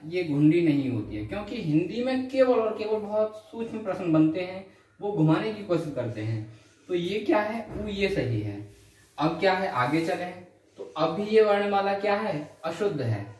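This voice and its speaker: A man teaching Hindi grammar in a classroom lecture. He asks questions, answers them himself, and draws out each letter sound slowly. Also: high-pitched, lively intonation, darkish tone. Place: coaching centre classroom. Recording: echoey classroom, voice from far off.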